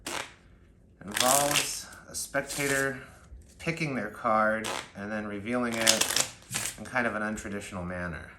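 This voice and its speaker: A man's voice: lowish voice, unhurried. A man giving casual card magician patter, talking the viewer through a trick step by step. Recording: roomy echo, faint background noise.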